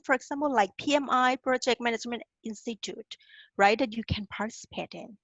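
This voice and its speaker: Her voice sits a little high and sounds a bit bright, with no room sound at all. A Thai career advisor, she's presenting a webinar to international students, coaching them in an encouraging, direct way and tagging her lines with "okay?"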